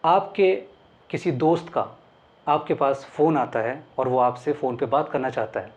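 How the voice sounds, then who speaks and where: Speaking in Hindi at a normal speed, a man with a medium-pitched, darkish voice teaches English words through memory tricks. He explains step by step, posing questions and answering them himself. The recording has a dull lo-fi sound.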